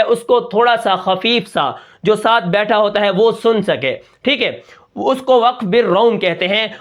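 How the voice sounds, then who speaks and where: High-voiced man teaching a recitation lesson. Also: fairly bright tone. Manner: repetitive, asks and answers own questions. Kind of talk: tajweed lesson.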